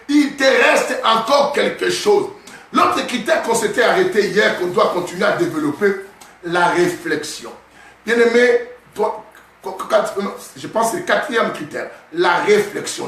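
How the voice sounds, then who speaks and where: A man preaching a sermon as a bishop, emphatic and often shouting, calling his listeners beloved over and over. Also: high-pitched, vocal fry. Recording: echoey hall, voice from a distance.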